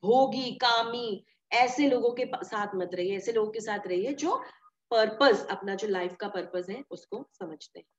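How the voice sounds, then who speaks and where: A woman's voice: a little high, a little slow. A woman giving a devotional scripture talk, explaining with everyday examples, repeating key phrases and mixing English words into her speech. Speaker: scripture teacher. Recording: echoey room, dull lo-fi sound.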